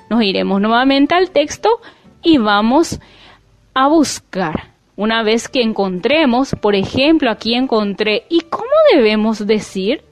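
A woman teaching a language lesson, explaining slowly and clearly, with faint music behind her. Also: fairly high pitch. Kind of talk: classroom lesson.

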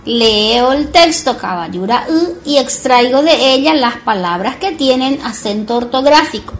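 High-voiced woman teaching slowly. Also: expressive, faint music behind. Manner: slow, explanatory, repeats words for emphasis. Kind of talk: bilingual Guarani and Spanish grammar lesson.

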